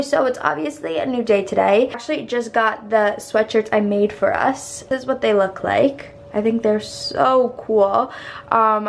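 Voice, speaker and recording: A woman's voice: medium pitch, gravelly. A young American woman chatting casually to her vlog in a bubbly, gushing sorority-girl manner. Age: young adult. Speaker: college student vlogger. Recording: noisy handheld vlog audio.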